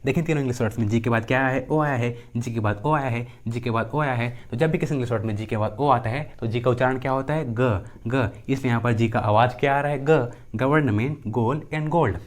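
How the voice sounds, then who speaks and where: A man's voice: mid-range voice, fast, few pauses. A young man teaching pronunciation, repeating each rule and example word and answering his own questions. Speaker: English teacher. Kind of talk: pronunciation lesson.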